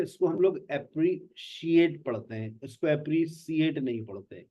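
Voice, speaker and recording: A man with a somewhat high voice teaches an online spoken English class over a call, and the recording sounds muffled. He patiently explains pronunciation and calls on students by name.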